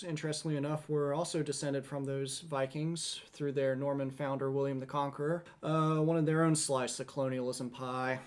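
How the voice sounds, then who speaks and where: A male podcast co-host talks through history at an even, mid-range pitch. He lectures conversationally, sometimes restarting a phrase before he carries on. His delivery stays relaxed and explanatory.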